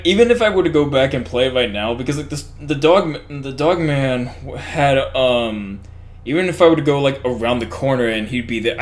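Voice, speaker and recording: A man giving horror game commentary who swears and talks to the monsters. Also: mid-range voice. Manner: jumpy, swears and yelps at scares. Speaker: gaming YouTuber.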